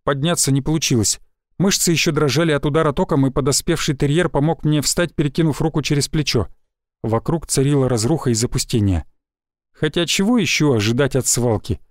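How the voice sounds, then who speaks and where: A man narrating a first-person science-fiction audiobook in a steady, even voice. His pitch sits somewhat high for a man, and the sound is dry and close. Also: a little fast, no echo.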